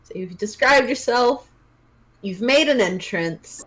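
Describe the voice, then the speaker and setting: A woman narrating as game master of a tabletop role-play session, encouraging and quick to laugh. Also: a little high. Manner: lively and encouraging, laughs often.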